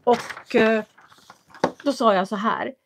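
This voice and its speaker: A woman's voice: fairly high pitch, a little hiss or hum. Woman, live language teacher, articulates every word, patient explainer. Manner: clear, carefully articulated speech. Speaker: Swedish teacher. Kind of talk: live language lesson answering chat.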